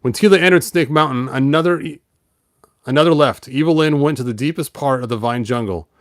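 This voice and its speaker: The host of a toy and storybook show reads a children's story aloud, breaking off casually for playful, rambling, wry asides and sound effects. His mid-range voice runs a little fast, with clean studio sound and no room noise.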